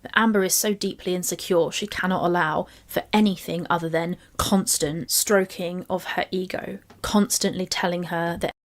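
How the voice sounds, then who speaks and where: A woman with a somewhat low voice reads out text messages one by one and pauses to pick them apart. She is measured and analytical rather than excited. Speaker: commentary channel co-host. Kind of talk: reading out and commenting on text messages.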